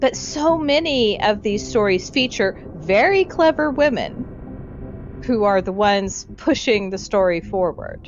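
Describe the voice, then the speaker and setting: Over background music in a dull, lo-fi recording, a podcast co-host muses aloud during a casual discussion, her thoughts running into loose, trailing lists. She speaks at a measured pace with a medium-pitched voice that swings widely in pitch.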